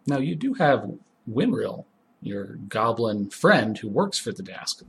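A man's voice: mid-range voice, big pitch swings, a little slow, gravelly, breathy edge. A man narrating as game master of a tabletop role-playing game, with dry, teasing asides.

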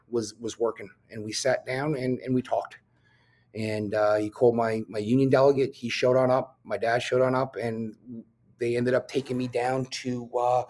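Blunt, profane man telling his story. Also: mid-range voice. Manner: blunt and profane, with frequent fillers. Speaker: guest, police officer. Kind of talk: candid personal storytelling.

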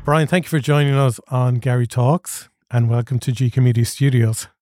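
An Irish man hosts an interview podcast with a mid-pitched voice. The sound is close and dry. He speaks in a conversational presenting style. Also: fairly even intonation, moderate pace, a little mellow, dry recording.

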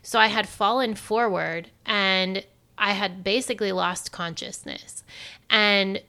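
A woman casually telling a personal story, animated and acting out the dialogue. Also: medium pitch, takes it slowly, clean tone. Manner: animated, acts out quoted dialogue.

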